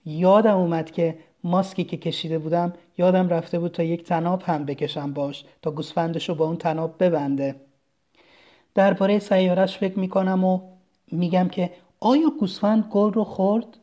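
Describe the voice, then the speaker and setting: A storyteller reading a children's story aloud in a calm, even first-person telling. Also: mid-range voice. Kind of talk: storybook narration.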